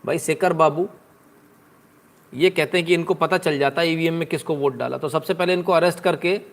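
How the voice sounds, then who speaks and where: A man on a live stream who talks through the news with plenty of sarcasm. He chats loosely and answers his viewers' comments along the way. His speaking voice sits somewhat high for a man. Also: a little fast.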